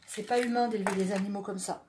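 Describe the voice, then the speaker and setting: A woman's voice: medium pitch, steady tone, quick pace, noisy background. A woman from southwest France, hosting a chatty home cooking demonstration in her kitchen. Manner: chatty, joking, talks while stirring. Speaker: home cooking video host.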